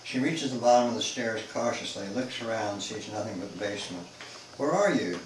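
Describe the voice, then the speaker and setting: A man's voice: lowish voice, fairly quick. A man reading his own novel aloud in a dramatic, shifting narrating style. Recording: echoey room, mic far off, faint hiss.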